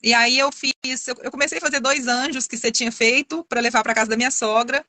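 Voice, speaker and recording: Fast-talking high-voiced woman. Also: fairly even intonation, bright, forceful tone, dry recording. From Minas Gerais, Brazil. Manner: chatty storyteller, many restarts and fillers. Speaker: course student giving a testimonial. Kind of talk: casual testimonial on a live video call.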